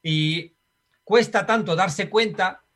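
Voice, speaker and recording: Husky Spanish man musing in interview. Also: high voice, takes it slowly, fairly bright tone. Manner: reflective, uses filler tags like "¿no?". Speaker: guest. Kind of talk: conversational interview.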